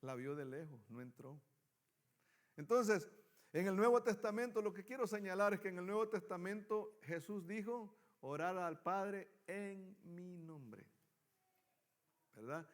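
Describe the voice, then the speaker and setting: High-voiced man teaching a Bible class. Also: measured pace. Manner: reads scripture aloud then asks the class questions. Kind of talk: Bible study lesson.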